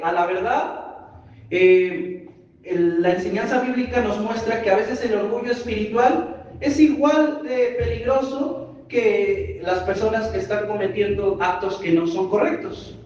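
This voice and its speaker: Mexican male preacher, sermon, high-pitched, muffled distant recording. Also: measured pace, a little mellow. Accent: Mexican Spanish. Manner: explanatory, asks the congregation questions. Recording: distant, echoey hall, dull sound.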